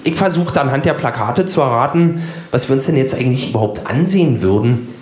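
A man's voice: mid-range voice, animated, brisk, a little mellow, roomy sound. A man in his forties from East Berlin, telling a childhood story with wry irony. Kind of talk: comic storytelling.

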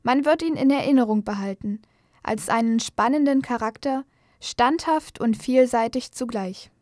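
A woman's voice: a little high, moderate pace, darkish tone. A woman reading scripted biographical news narration as a voice-over. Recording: dry studio voice-over.

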